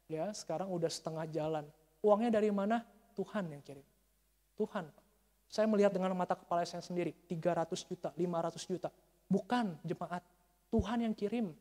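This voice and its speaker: A male pastor preaching a sermon, telling a story with lively swings and calling to the congregation as he goes. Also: sits high, a little fast. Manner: animated storytelling, addresses congregation as Pak and Bu. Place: church sanctuary. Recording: church hall reverb.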